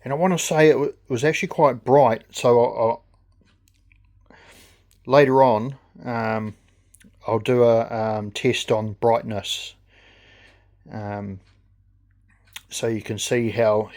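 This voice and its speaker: A man with a New Zealand accent giving a casual, unscripted product review in a halting, hesitant way with pauses. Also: medium pitch, fairly even intonation, a little mellow. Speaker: gadget reviewer.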